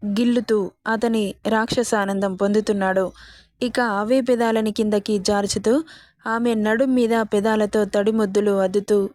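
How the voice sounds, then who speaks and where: A woman narrating a story as a steady reading. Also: medium pitch, dry recording.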